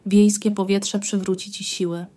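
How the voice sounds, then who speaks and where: A woman's voice: mid-range voice, flat delivery, moderate pace, warm tone, close to an everyday voice. A woman voicing an effusive aristocratic countess and wife who talks in an emphatic, gushing way. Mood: worried.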